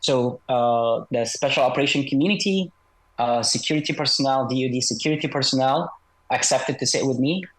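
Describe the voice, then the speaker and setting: Speaking through electronic voice disguise to conceal who he is, this former special operations soldier appears as a guest author in a video-call interview. His medium-pitched delivery is measured and hesitant, full of fillers, and the recording quality is low.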